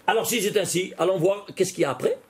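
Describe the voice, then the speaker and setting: A man, a rabbi, giving an animated Torah lesson, often exclaiming and putting questions straight to the listener. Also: high voice, quick pace. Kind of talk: lively spoken Torah lesson.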